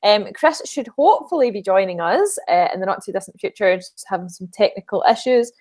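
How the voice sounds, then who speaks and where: A woman's voice: mid-range voice, expressive, a little fast, a little mellow. A woman hosting a live online broadcast, bubbly and giggly, introducing her guests with many ums. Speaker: live-stream host.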